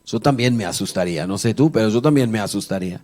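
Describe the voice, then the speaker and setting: A man's voice: lowish voice, expressive, fast, a little mellow. A male pastor preaching a sermon in church. He talks in a conversational, joking way and tells the story with animation, acting out the dialogue. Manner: conversational, jokes with the congregation. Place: church service before a congregation.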